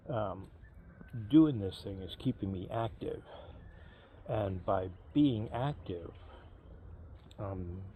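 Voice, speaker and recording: A man in his fifties, a native English speaker, vlogs casually to camera in a low, unhurried, mellow yet animated voice. His delivery is halting, full of pauses, fillers and restarts. Faint background noise runs under the recording.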